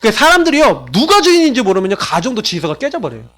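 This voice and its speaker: Male pastor, sermon. Higher-pitched, very animated delivery; chatty, keeps checking in with the room. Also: fast. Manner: conversational preaching with rhetorical questions to the congregation; acts out quoted family members in shifted voices.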